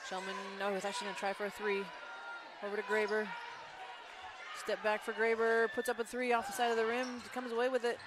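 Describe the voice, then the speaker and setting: A woman doing play-by-play for a school basketball game, chatty and quick with her calls, with frequent agreeing hums. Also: mid-range voice, monotone, noisy background. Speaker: play-by-play announcer. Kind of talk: live basketball commentary.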